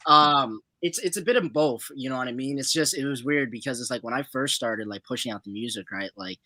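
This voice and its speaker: A man's voice: medium pitch, brisk, pushed and bright, dry recording, low-quality recording. A young man from Zimbabwe, a guest musician answering interview questions in a loose, laid-back way full of fillers.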